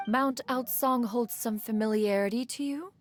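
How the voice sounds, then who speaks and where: A woman's voice: on the high side, normal speed, soft background music, lightly acted. An actress playing a lofty, protective immortal woman in a video game, with formal, archaic and assured speech. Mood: concerned.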